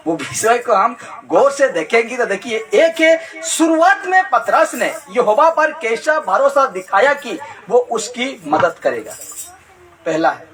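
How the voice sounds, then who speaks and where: High-voiced, lively male preacher. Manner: keeps asking the congregation questions, repeats key phrases; laughs lightly between points. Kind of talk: Bible sermon.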